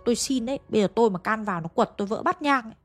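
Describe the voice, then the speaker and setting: A woman's voice: on the high side, expressive, very fast, faint music behind. A woman voicing a frightened village spirit medium who refuses the job. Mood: pleading.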